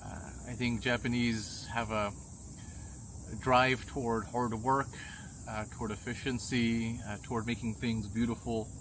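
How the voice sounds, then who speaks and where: A middle-aged man from Pakistan who grew up in the United States, answering a street interview thoughtfully with many pauses. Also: medium pitch, steady tone, background noise. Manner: thoughtful, measured, frequent "uh" pauses. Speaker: interviewee, visiting tourist father.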